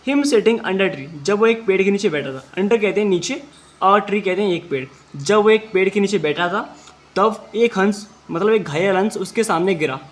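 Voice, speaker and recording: High-voiced male English teacher. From India. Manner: reads English slowly word by word, then explains each word, often says "okay". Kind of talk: classroom translation lesson.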